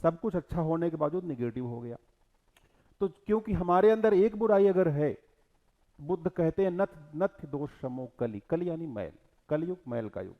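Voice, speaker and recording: A man's voice: a little high, sing-song, normal speed, narrow, tinny audio. A middle-aged male teacher gives a classroom lecture, explaining verses line by line and answering his own questions.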